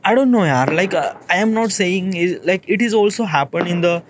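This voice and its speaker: A man in his late twenties with an Indian English accent, thinking aloud in a rambling, halting monologue and checking in with "okay?" as he goes. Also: high-pitched, animated, noisy background. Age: 20s. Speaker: vlogger. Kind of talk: casual reflective monologue.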